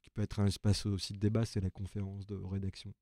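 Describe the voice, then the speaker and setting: Low, mellow-voiced male journalist. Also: monotone, quick pace. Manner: explains at length, thinking aloud. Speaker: journalist on the ecology desk. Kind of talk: casual live chat. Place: open newsroom.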